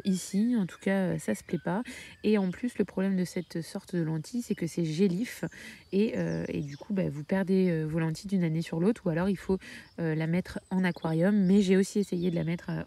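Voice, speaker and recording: A woman's voice: fairly low pitch, gravelly, mellow. A woman from France talking casually about her hens in a homestead vlog, hesitating often with filler sounds. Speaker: backyard poultry keeper.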